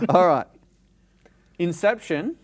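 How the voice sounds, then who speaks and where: Animated Australian man chatting about films. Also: high-pitched, drawn-out words, husky. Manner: animated, emphatic storytelling. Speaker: podcast co-host. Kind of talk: casual chat. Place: cinema.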